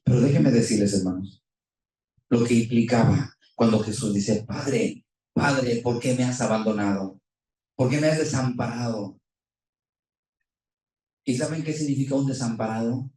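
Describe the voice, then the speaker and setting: A man's voice: mid-range voice, unhurried, long pauses, dark tone. Man preaching in an echoey hall. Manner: impassioned, rising and falling, rhetorical questions. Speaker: pastor. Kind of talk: sermon. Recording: echoey room, voice from far off.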